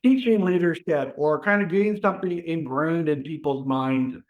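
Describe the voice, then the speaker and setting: A man hosting an interview, asking questions in a measured way and thinking aloud as he goes. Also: on the high side, lo-fi sound. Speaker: podcast host. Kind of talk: conversational interview.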